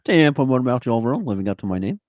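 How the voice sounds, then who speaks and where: A man's voice: mid-range voice, very animated, very fast, a little mellow, dry recording, studio quality. A man co-hosting a casual sports podcast who makes teasing, sarcastic asides. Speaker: podcast co-host.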